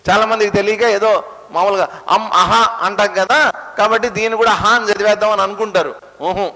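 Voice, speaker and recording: A man's voice: sits high, sharp tone. A man giving a spiritual discourse on scripture. He explains pronunciation and asks the audience rhetorical questions. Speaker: Gita discourse teacher. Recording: long hall reverb.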